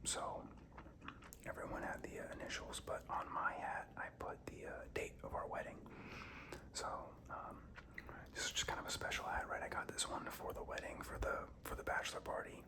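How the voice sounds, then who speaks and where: A young man telling casual stories as an ASMR host in a breathy, halting whisper while chewing gum. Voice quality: breathy whisper with some creak.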